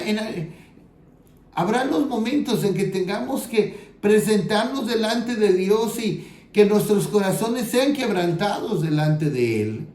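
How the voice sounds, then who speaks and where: Mexican pastor guy preaching, kinda high voice, slow and earnest, echoey church. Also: darkish tone. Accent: Mexican Spanish. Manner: earnest preaching, reads scripture aloud, slows down for emphasis. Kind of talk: sermon.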